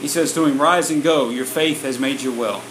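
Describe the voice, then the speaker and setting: A man's voice: medium pitch, unhurried, fairly bright tone. A man preaching a sermon in short sections, retelling it in a plain, conversational way. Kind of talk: sermon storytelling, paused for interpretation. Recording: roomy, echoey room with a faint air-conditioner hum.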